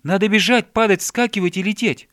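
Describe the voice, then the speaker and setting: A man's voice: fairly high pitch, very animated, moderate pace, fairly bright tone, no echo, studio quality. A man voicing a simple-hearted, playful young male bear cub in a storybook reading, naive and boisterous.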